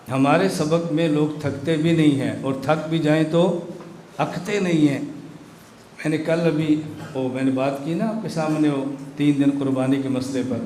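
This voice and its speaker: A man's voice: fairly high pitch, a little mellow. A man gives a sermon-style lecture to students, often asking them rhetorical questions and pressing them to answer. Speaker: religious scholar lecturing students. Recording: echoey room with faint noise.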